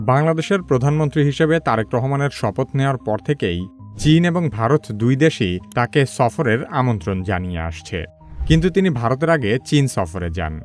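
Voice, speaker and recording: A man narrating a scripted news explainer in a measured, even way, his sentences dropping low at the ends. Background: faint background music.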